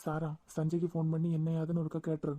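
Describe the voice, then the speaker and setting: Woman voicing a calm young man, Kanyakumari Tamil accent, low voice, quick talk. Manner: calm, directing others.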